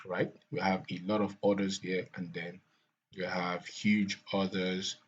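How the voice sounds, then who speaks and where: Husky low-voiced man analyzing market charts. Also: level tone, measured pace, dull audio. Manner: repeats words, many fillers and restarts.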